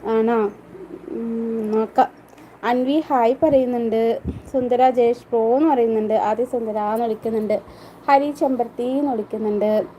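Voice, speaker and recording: High-voiced woman chatting on a live stream. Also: fairly even intonation, normal speed, dark tone, a little hiss or hum, poor audio. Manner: chatty, answers viewers by name. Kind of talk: casual live-stream chat, reading viewer comments aloud.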